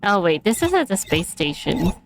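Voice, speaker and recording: A woman's voice: medium pitch, very animated, moderate pace, a little hiss or hum, rough recording. A woman giving casual, chatty gameplay commentary, giggling and thinking aloud as she plays. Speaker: game streamer.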